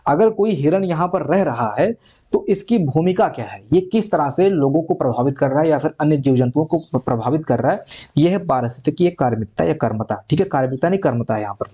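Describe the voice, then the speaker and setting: A man's voice: a little high, animated, a little fast, dark tone, slightly rough. A man teaching an exam prep lesson, going over points again and checking in with his students often. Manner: repeats points, checks with "ठीक है". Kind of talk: online exam lecture.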